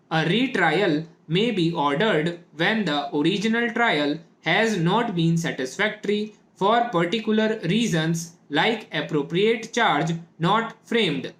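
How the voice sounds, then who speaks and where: Indian male dictation instructor, native Hindi speaker, high voice, measured phrase-by-phrase dictating for shorthand practice, roomy echo. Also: a bit bright.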